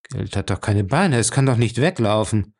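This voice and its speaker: A man's voice: lowish voice, animated, moderate pace, darkish tone. A man voicing a whiny, defiant and cowardly man in an audiobook, sulky and complaining. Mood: sulky whining.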